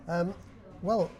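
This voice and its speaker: Speaking with a high-pitched voice over background noise, an older man from Bradford chats and explains as a guest in a casual interview. He has a Yorkshire accent and chairs a dialect society.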